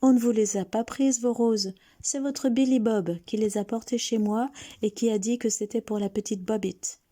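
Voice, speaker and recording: A nosy small-town gossip, hushed and eager to shock, as a woman reader puts her on. Her voice sits low and husky, with a dark, soft tone. She leans in with each scandalous aside. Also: moderate pace. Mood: indignant.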